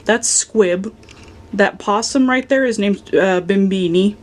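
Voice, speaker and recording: A playful young woman from Philadelphia, USA, narrates a casual tour of her home sewing room and office, indoors, showing off her collection. Her mid-range voice moves at a slow pace, and she's affectionate, making dry jokes about her toys.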